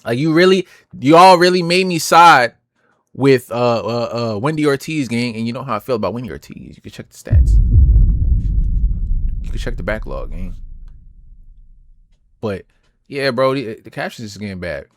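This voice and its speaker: A man's voice: mid-range voice, animated, normal speed, long pauses, no room sound, clean studio sound. A young man streaming, reacting casually to clips with slang and repeated restarts. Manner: slangy, talks back to the clip, repeats words.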